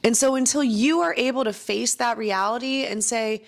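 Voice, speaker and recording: A woman's voice: fairly high pitch, moderate pace, creaky. Earnest woman vlogging, motivational. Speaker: business owner and coach. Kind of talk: personal vlog talk.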